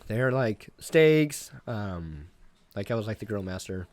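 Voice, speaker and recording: Relaxed chatty chef, dry sound. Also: male voice, on the low side, a little slow, no echo. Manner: relaxed, rambling, lots of "like" and "um". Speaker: private chef, podcast guest. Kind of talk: casual interview chat.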